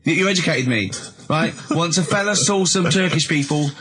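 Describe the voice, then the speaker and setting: Laughing radio host telling stories. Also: male voice, a little high, moderate pace, fairly bright tone, slight background noise. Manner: laughing, mocking storytelling. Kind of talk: comic radio banter.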